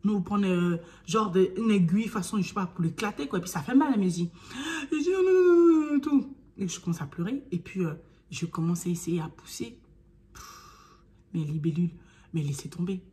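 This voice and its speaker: A young woman vlogger talking casually to camera, telling a personal story. She acts out her own pleas and sometimes drops to a hushed near-whisper. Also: lowish voice, quick pace.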